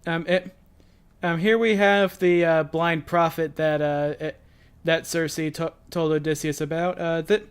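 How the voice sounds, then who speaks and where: Smooth-voiced man explaining, full of ums. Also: a little high, fairly even intonation, measured pace. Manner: explains at length with many fillers and restarts. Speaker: reaction show host. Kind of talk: casual reaction chat.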